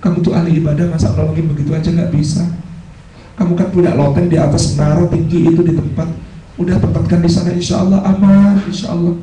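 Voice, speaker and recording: A man's voice: on the high side, level tone, fast, background noise, close to an everyday voice. A man voicing a sly male devil who coaxes and tempts, in an echoey hall recorded from a distance. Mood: coaxing. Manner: coaxing, insinuating whisperer.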